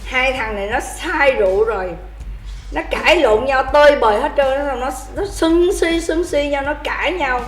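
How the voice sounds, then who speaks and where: A woman telling drinking stories in a casual, animated chat, laughing often and calling out toasts. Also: sits high, reverberant. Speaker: livestream host telling drinking stories to viewers.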